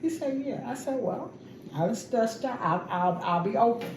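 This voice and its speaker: Woman telling wild stories, acts out every voice, slightly high voice, room echo. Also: normal speed. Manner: animated storyteller acting out dialogue. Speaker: co-host. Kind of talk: casual storytelling chat. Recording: echoey kitchen with noise.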